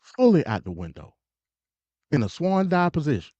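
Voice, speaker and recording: An American man hosts a live stream, offering casual, opinionated political commentary that is emphatic, slangy and conversational, with repetition and stuttering. His warm voice is on the high side and sing-song, at normal speed, with no room sound in the dull, lo-fi audio.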